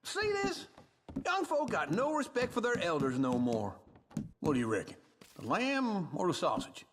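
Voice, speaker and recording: A man's voice: high voice, huge pitch swings, moderate pace, background noise. A man playing a cheerful, folksy old outlaw with an American accent in a video game. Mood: folksy, jovial.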